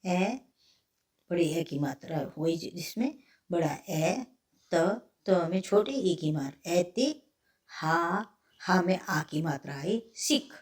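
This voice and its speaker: Woman teacher spelling words piece by piece, slow and steady, a bit far from the mic. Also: lowish voice. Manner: spells words letter by letter, repeats each word. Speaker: Hindi teacher.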